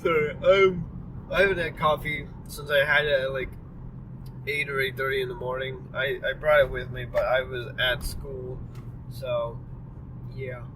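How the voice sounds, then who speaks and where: In this casual driving vlog, a young adult man speaks at medium pitch, flat and unhurried. Worn out and yawning, he meanders along with fillers and apologies, recorded from a distance inside a moving car with road noise clearly audible.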